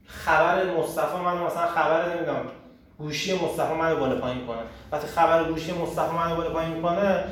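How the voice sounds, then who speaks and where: A man hosting a casual group talk on personal growth, animated and emphatic, often asking rhetorical questions. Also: on the high side. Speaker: host leading a group discussion. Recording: echoey room, far from the mic, faint noise.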